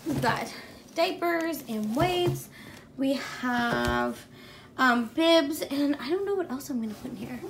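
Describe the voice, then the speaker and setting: A woman's voice: high voice, very animated, takes it slowly, background noise. A pregnant woman giving a casual vlog tour of her home, rambling with many ums and likes as she walks from room to room. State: pregnant, at times out of breath. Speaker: vlogger. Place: indoors at home, walking room to room.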